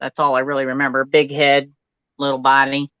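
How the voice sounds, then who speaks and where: Woman guest, bright forceful voice, bit low, dry dull lo-fi sound, keeps chiming in. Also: monotone, a little fast, clean tone, no room sound. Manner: eager, frequent agreeing interjections. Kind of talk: casual group chat on a live stream.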